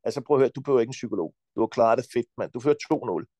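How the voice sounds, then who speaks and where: A Danish man talking as a podcast guest, giving forceful advice bluntly and insistently, with frequent swearing. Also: medium pitch, dry recording.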